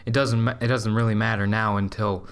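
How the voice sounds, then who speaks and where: A young man hosting a podcast in casual chat, rambling with laughs and halting starts. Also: lowish voice, flat delivery. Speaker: podcast host.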